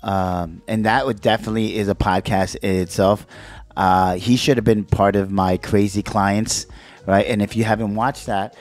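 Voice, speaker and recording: A man hosting a casual podcast from a small studio, lively and tagging his sentences with "right?". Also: lowish voice, moderate pace. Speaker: podcast host.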